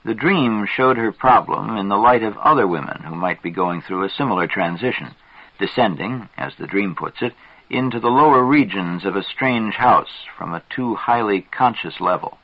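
A man reading aloud from a psychology book in measured, deliberate scripted narration. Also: fairly low pitch, animated, no echo. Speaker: reader. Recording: dull lo-fi dry recording.

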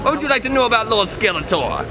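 Skeletor, bragging villain, high voice from a guy in costume, busy loud con hall. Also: big pitch swings, fast. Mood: grandiose. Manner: theatrical, grandiose villain talk. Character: cosplayer playing villainous Skeletor, male, boastful. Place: convention hall floor, indoors. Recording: loud crowd and music in hall.

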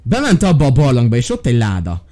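A young man giving excited, loud commentary on his own Minecraft play, often jumping into high yelps and shouts. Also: faint music behind. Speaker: gaming YouTuber.

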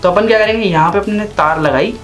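A man's voice: high voice, fast, fairly bright tone, soft background music. Chatty young man demoing gear at a desk. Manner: chatty, instructive, repeats himself while working with his hands. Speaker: vlogger. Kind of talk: casual how-to demonstration. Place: small room indoors at a desk.

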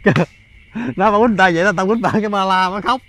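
Guy, ghost hunt vlog, keeps repeating himself all fired up, high-ish voice. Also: quick pace, slight background noise. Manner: stammers and repeats words in excited bursts. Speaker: ghost-hunting vlogger. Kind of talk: excited outdoor commentary.

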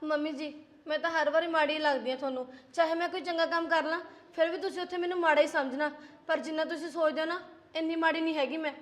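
A woman playing a quick soft-spoken young wife. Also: high voice, fairly even intonation. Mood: hurt. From Punjab. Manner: pleading, earnest. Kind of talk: amateur village drama acting.

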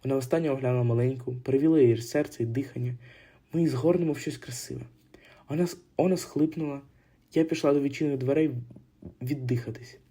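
A man reading an audiobook narration aloud, quick and now and then stumbling over words. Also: mid-range voice, dark tone, breathy edge. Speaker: audiobook reader.

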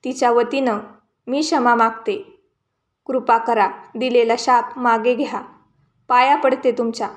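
A woman doing a gentle, pleading young princess. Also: a little high, fairly even intonation, natural voice. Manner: pleading, slow and earnest.

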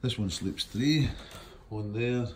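A man giving an informal, halting walk-through tour of a wooden lodge, speaking into a handheld phone as he walks. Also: medium pitch. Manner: unhurried, informal, halting with fillers. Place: wooden lodge rooms and hallways, indoors. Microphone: phone camera held while walking. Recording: echoey rooms with clear handling noise.

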